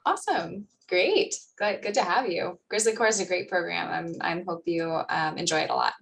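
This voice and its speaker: A woman's voice: on the low side, normal speed, creaky, recorded from a distance. A young woman hosting a meeting, chatting casually and laughing, with plenty of fillers. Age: young adult. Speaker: meeting host. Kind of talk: casual video-call chat. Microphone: video call.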